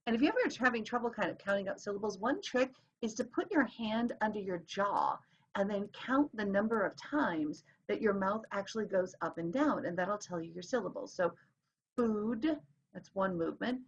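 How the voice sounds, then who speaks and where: A woman's voice: mid-range voice, animated, fairly quick, slightly rough. A woman teacher explaining things in a recorded lesson, sounding out rhythms as she goes. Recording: dull lo-fi recording.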